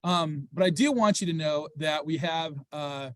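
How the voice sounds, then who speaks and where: A man hosting an online webinar, talking fast and upbeat with frequent fillers over a video call. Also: fairly high pitch, no room sound. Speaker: program host. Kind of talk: webinar presentation.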